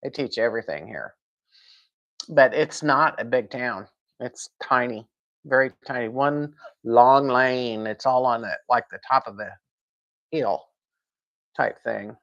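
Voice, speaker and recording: A woman's voice: very deep voice, measured pace, pauses often, a bit bright, dull audio. A woman hosting a casual live stream from home, rambling, laughing and answering viewer comments.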